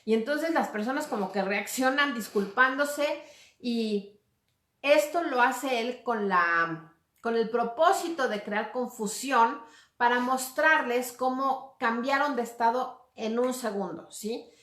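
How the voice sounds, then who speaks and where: A woman's voice: fairly high pitch, takes it slowly, a bit bright. A woman gives a casual talk as a communication coach, speaking conversationally and checking in with little tag questions. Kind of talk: casual lecture to viewers. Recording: roomy echo.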